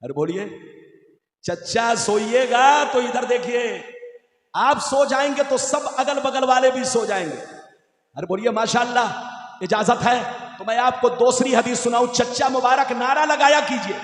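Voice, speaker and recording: A man's voice: very high voice, unhurried. A man preaching a fiery sermon to a crowd, chanting lines and calling on listeners to respond, with an Indian Hindi-Urdu accent. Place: large gathering with sound system. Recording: echoey hall, loud PA.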